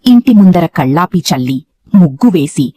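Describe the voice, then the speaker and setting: A woman narrating a dramatic family story in an emotive, expressive way. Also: fairly low pitch, moderate pace.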